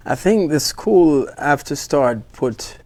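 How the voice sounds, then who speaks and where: A man's voice: on the high side, animated, slow, darkish tone. A man with a Jamaican accent, a football coach guest on a radio sports show, who explains step by step and repeats words as he thinks. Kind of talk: radio interview.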